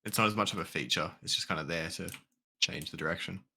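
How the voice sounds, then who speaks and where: A man's voice: low-pitched, quick pace, vocal fry, sharp tone, slight background noise. An Australian man chatting casually while building in a game, rambling eagerly through ideas. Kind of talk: casual gaming chat.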